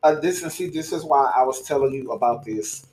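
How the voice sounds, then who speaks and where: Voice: medium pitch, fairly quick, a little mellow. A podcast host in casual chat, talking candidly and bluntly with frequent swearing. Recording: roomy echo.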